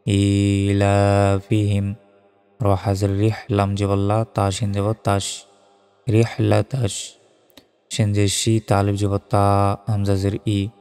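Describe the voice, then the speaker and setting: A man teaching Quran recitation who spells out each letter and vowel mark, then chants the words slowly. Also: lowish voice, darkish tone, smooth. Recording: long hall reverb with faint music.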